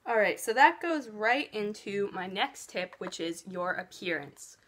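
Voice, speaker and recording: A woman's voice: medium pitch, expressive, measured pace. A teenage girl chatting casually while doing her makeup, giving earnest cheer tryout advice with lots of fillers. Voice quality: loud voice. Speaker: beauty vlogger. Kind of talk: casual get-ready-with-me chat.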